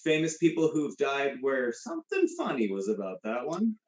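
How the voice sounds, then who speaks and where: A man's voice: mid-range voice, wildly swooping pitch, moderate pace, reverberant, highs cut off. A man hosting a casual comedy trivia game, rambling with many fillers and restarts. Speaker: host. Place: room with a guest beside him.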